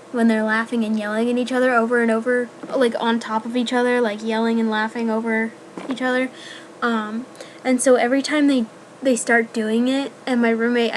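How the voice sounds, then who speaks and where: A woman's voice: fairly high pitch, slight background noise. A young woman, a college student, chatting casually to her viewers in a rambling way full of fillers. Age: young adult. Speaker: student vlogger. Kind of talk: casual chat to camera.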